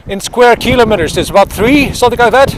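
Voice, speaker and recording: This man from Iceland talks fast in a very high voice while giving a live-streamed walking tour by a city pond, with a noisy background and winter wind. Cold has left him sniffly, and he chats casually, greeting viewers by name and hunting for words.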